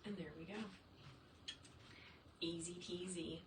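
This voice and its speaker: Her voice is on the low side, steady, and unhurried as she cheerfully shows viewers how to make wreaths from her home workshop. Speaking directly to the camera, she reads viewer comments and replies during the livestream, recorded with distant, roomy sound and faint background room noise.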